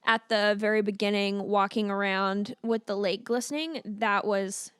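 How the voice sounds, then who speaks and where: A woman's voice: mid-range voice, fairly even intonation, unhurried, a bit bright, clean tone, no room sound, studio quality. A woman co-hosting a movie review podcast in casual, opinionated chat, swearing casually. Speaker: podcast co-host.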